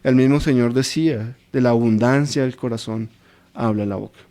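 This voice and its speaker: A man's voice: medium pitch, normal speed, dark tone. A man teaching a Bible study in an informal, anecdotal way, acting out everyday quotes.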